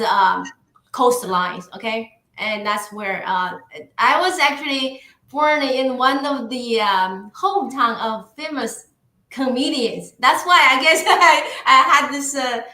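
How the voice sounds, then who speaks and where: A woman from northeastern China with a Chinese accent, a guest chatting casually in an interview with a soft voice, goofy and laughing often, with lots of fillers and restarts. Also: on the high side, reverberant, rough recording. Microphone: microphone.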